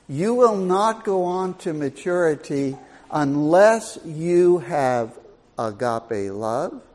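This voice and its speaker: A man's voice: on the high side, darkish tone. An older man giving a Bible teaching sermon in a folksy, storytelling and emphatic way.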